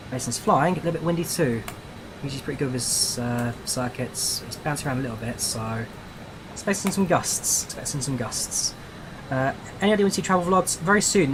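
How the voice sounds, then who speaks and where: A man chatting casually and thinking aloud as he commentates on a flight simulator livestream. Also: medium pitch. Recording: steady background noise, engine-like ambience.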